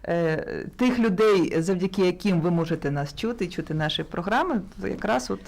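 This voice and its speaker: A woman's voice: on the low side, expressive, moderate pace, a little mellow. A woman with a Ukrainian accent hosting a morning studio show, asking long rambling questions with fillers. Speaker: radio morning show host. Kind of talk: casual studio interview.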